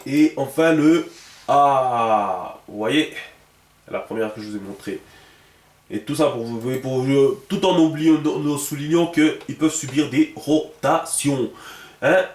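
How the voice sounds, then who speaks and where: A man's voice: medium pitch, takes it slowly, darkish tone. Male teacher, patient explainer, roomy echo on the voice. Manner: patient, checks often with the viewer. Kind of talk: instructional video lesson. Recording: echoey room.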